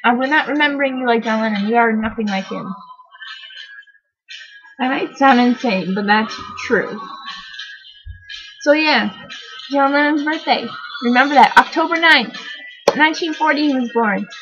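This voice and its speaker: Gushing high-voiced teenage girl. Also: normal speed, pauses often, lo-fi sound. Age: teens. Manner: gushing, rambling and excitable. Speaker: vlogger. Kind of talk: casual vlog rant.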